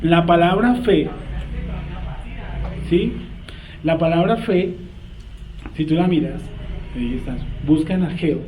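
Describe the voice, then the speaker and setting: Speaking slowly with frequent pauses, this higher-pitched Colombian man runs a Bible study, posing questions and trailing off so students can fill in the blanks. Crowd noise comes through in a roomy space with a faint background hum.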